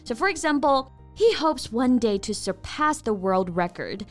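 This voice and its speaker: A woman's voice: on the high side, animated, measured pace, faint music behind. A woman co-hosting a podcast lesson, giving example sentences and pointing out pronunciation in a bilingual teaching chat. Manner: explanatory, stresses pronunciation and gives example sentences. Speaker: podcast co-host and English teacher.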